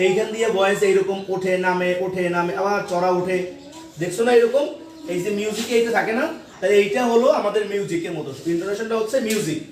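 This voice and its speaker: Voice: mid-range voice, a little mellow. Teacher drilling a class in a roomy classroom. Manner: repeats questions and has the class answer back. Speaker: English teacher. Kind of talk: classroom lesson with call and response. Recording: echoey classroom from far off with pupils.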